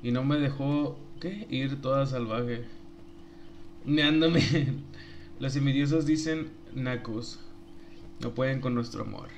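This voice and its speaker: A man's voice: medium pitch, slow, vocal fry, pauses often, slight background noise. A young man with a Mexican accent, a streamer joking and laughing as he reads his chat aloud. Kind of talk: casual live-stream chat.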